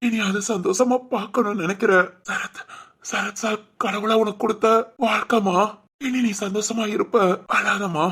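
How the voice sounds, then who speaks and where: Woman doing a dying dad, husky breathy voice, halting, humble, doll-film drama. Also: medium pitch, steady tone, a bit bright. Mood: gentle remorseful. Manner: breathless, faltering, apologetic. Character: dying middle-aged father, humble and remorseful.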